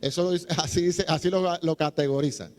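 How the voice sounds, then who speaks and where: A man's voice: fairly high pitch, fairly even intonation, brisk, darkish tone, long reverb tail. A middle-aged man preaching a teaching talk in a chatty, humorous way, acting out little voices as he goes. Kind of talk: sermon-style teaching talk.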